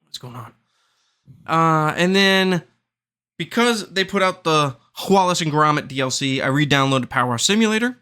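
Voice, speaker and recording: A man's voice: fairly high pitch, animated, normal speed, bright, forceful tone, clean tone. A man hosting a gaming podcast in casual chat, rambling and searching for words. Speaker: podcast host.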